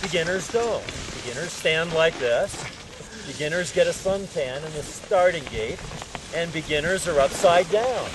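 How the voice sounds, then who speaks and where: Male ski instructor, slightly high voice, folksy and jokey, projecting to a group; clear outdoor noise behind. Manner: folksy, joking. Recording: outdoor ambient noise, shifting distance.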